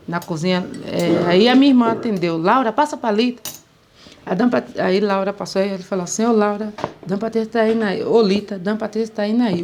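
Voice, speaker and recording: A woman's voice: medium pitch, slight background noise. A woman, telling a story in casual talk and acting out the voices she quotes. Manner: animated, acts out quoted voices. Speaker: interviewee.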